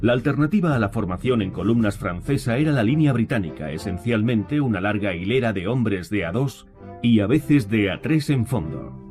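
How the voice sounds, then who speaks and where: A man's voice: on the low side, lively intonation, moderate pace. A man reading scripted narration for a history documentary. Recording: music behind the voice.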